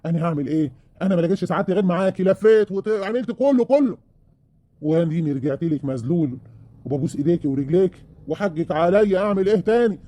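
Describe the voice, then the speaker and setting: A man's voice: high voice, lively intonation, rapid-fire, mellow, no room sound. A man with an Egyptian accent playing a remorseful, self-pitying husband in an audio drama, pleading and wheedling. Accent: Egyptian Arabic.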